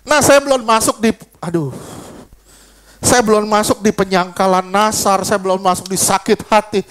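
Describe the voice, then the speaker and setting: A high-voiced, middle-aged male preacher gives an animated, informal sermon at normal speed. He shifts between preaching and storytelling, firing rhetorical questions straight at the congregation. Even while preaching, his tone stays conversational.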